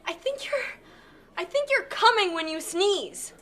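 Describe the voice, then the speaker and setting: Girl doing flustered young woman on a date, high voice, swoops up and down a lot. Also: big pitch swings, sharp tone, heavily acted. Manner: flustered, nervous, quick to protest. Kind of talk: comedy sketch acting.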